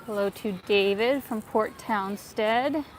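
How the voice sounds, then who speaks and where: Phone held as she walks a city square and park, a North American woman chats casually with her travel livestream viewers, dropping fillers and soft laughs. Her medium-pitched voice moves at a slow pace. The audio is poor, with slight background noise.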